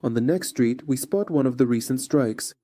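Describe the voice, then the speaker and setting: A man's voice: mid-range voice, moderate pace, background noise. A man narrating a scripted frontline report as a war correspondent.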